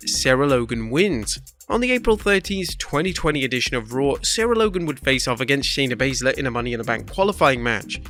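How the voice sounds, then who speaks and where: A man's voice: mid-range voice, sharp tone. A man reading scripted narration for a countdown video as its narrator.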